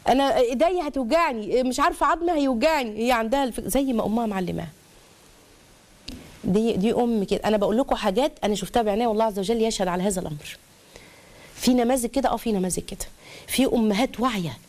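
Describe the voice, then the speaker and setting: A middle-aged woman with an Egyptian accent giving a lively religious talk to mothers, firing off rhetorical questions. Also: mid-range voice, very fast, long pauses. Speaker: religious lecturer.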